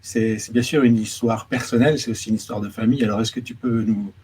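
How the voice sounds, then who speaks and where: Here a man serving as an education attaché questions an author during a moderated conversation in New York. He talks fast in a steady, mid-range tone that is a little mellow with a breathy edge, hesitating and repeating words while forming each question.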